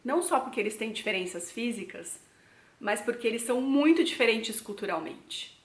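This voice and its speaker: A woman's voice: a little high, animated, moderate pace. A young Brazilian woman with a Brazilian Portuguese accent, chatting reflectively to her viewers in a casual vlog. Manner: chatty, addresses viewers directly as "gente". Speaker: travel vlogger. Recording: echoey room.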